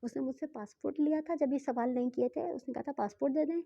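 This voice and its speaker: A woman's voice: sits high, steady tone, gravelly. Chatty woman with a dull lo-fi sound. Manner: chatty, self-correcting, slips into English phrases; says she speaks slowly on purpose. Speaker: travel vlogger. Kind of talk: casual storytelling vlog.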